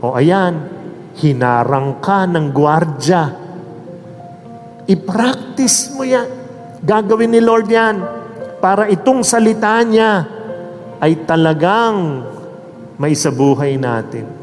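Man, preacher, high voice, slow and emphatic, sermon storytelling, long hall reverb, faint music. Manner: slow, emphatic preaching, mixing English and Filipino.

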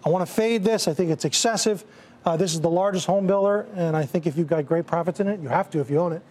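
A man's voice: sits high, fast talker, darkish tone. A man giving emphatic, opinionated market commentary on a financial TV panel. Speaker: technical analyst panelist.

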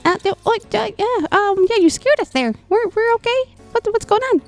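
A small, hungry rat with a Minnesotan twang speaks in a chirpy, hesitant way, as a woman acts it out. The voice is very high and keeps stammering, friendly but wary. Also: animated, moderate pace, faint music behind. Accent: put-on Minnesotan.

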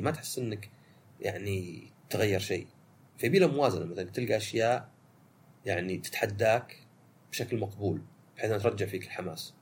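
A man, hosting a solo podcast and talking through his thoughts in a fast, conversational way. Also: slight background noise. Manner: fast and conversational, with lively rises in pitch. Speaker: podcast host.

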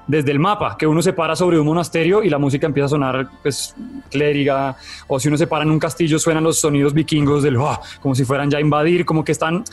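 A man co-hosting a casual video game review chat, talking in a rambling, animated way and laughing as he goes. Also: a little high, fast talker, faint music behind.

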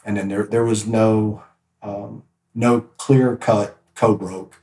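In a roomy-sounding recording, a male real estate agent guesting on a podcast tells loose, rambling work stories full of restarts. His pitch is fairly low, his delivery flat and slow, his tone dark.

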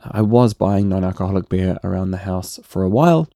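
A middle-aged man with a New Zealand accent, hosting a relaxed solo podcast and often tagging his points with "right?". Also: deep voice, brisk, vocal fry, dry recording, clean studio sound. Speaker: podcast host.

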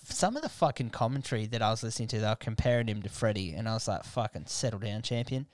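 A man's voice: on the low side, animated, very fast, dry recording. An Australian man hosting a podcast in a casual comedic monologue, blokey and irreverent, with heavy swearing and slang. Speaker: podcast host.

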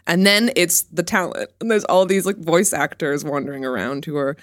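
A woman's voice: low voice, steady tone, normal speed, no echo, studio quality. A woman talking as a guest author on a podcast, wry and self-deprecating in casual chat.

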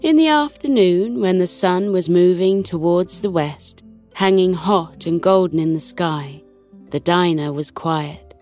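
A woman narrating scripted bedtime stories for children as a podcast host, in a soothing, unhurried sleep story manner. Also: on the low side, darkish tone, faint music behind.

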